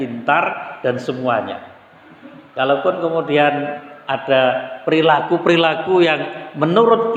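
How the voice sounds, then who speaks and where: A male preacher, speaking at a middle pitch in a relaxed and conversational way, with rhetorical questions and folksy asides. His voice rings through a large, echoey mosque hall with a long reverb tail. The recording is dull and lo-fi. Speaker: Islamic preacher. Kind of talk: sermon.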